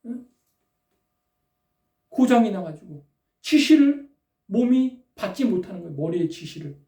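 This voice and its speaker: A woman preacher delivering a sermon, prodding her listeners with quick rhetorical questions. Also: medium pitch, big pitch swings, warm tone. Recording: roomy echo, distant from the mic.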